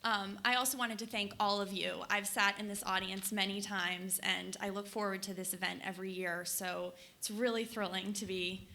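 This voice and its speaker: A woman's voice: medium pitch, fairly even intonation, normal speed, gravelly, hardly any pauses, bright, forceful tone. A young woman from Colorado, a book editor, giving an earnest, enthusiastic prepared speech to a conference audience. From Colorado, USA. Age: young adult. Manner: earnest, enthusiastic, reading from notes. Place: conference hall.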